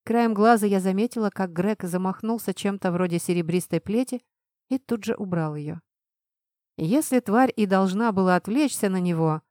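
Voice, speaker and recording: Woman, audiobook narrator, expressive acted reading, mid pitch, dry close recording. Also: no echo.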